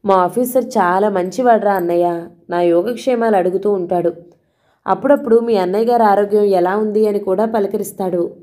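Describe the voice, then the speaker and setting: A woman's voice: mid-range voice, brisk, dark tone, lightly acted. A woman voicing a young man, a fond younger brother who talks in a coaxing, reassuring way.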